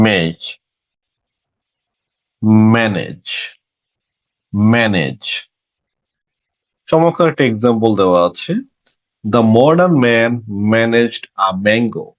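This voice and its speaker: A man with a Bengali accent teaching English pronunciation, saying each example word slowly and repeating it. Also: medium pitch. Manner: slow, drawn-out repetition of each word. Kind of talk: pronunciation lesson.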